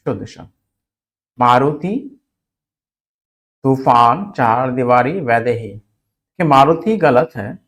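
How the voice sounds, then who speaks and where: A man teaching a Hindi spelling lesson for exam students, repeating each word slowly so it sticks. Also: fairly high pitch.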